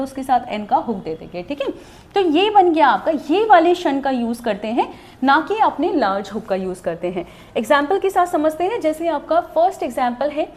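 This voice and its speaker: High-voiced woman teaching shorthand. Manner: patient, explains step by step with many checks. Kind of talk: online lesson.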